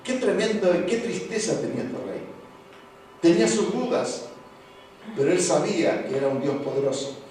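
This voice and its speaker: Argentine preacher guy, kinda high voice, hushed then booming, echoey church hall from far off with faint noise. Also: lively intonation, normal speed, pauses often. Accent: Argentine Spanish. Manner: preaching with swings from hushed to loud exclamations. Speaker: pastor. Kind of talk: sermon.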